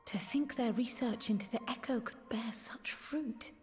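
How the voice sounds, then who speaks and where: Female actor as thoughtful scholarly fantasy companion, video game, higher voice, measured, formal, reflective, earnest. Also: in a whisper, natural voice. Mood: quietly awed. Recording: game music behind the voice.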